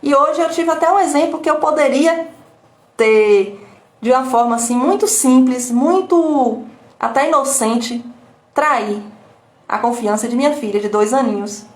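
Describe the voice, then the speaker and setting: A woman with a Brazilian accent teaches in an explanatory, repetitive way. She keeps asking rhetorical questions and tagging her sentences to check in with her listeners. Her fairly high voice carries a roomy echo. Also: a little slow. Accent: Brazilian Portuguese. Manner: rhetorical questions with frequent tag questions. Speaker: emotional intelligence coach. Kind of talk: live talk to an audience.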